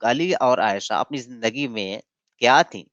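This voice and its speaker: A man's voice: mid-range voice, animated, unhurried, fairly bright tone, dry recording, muffled recording. A man hosting a livestream debate, mocking his opponent and reading passages aloud in a lecturing way. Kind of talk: casual livestream debate and commentary.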